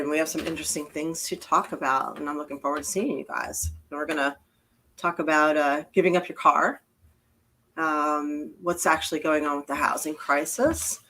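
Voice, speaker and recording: A woman's voice: low voice, a bit bright, poor audio. A woman hosting a casual live stream, chatting and greeting viewers as they arrive. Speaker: host.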